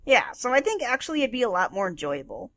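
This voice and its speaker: A woman's voice: on the high side, very animated, fast talker, a bit bright, no room sound. A woman chatting as co-commentator on a game playthrough, teasing and laughing a lot.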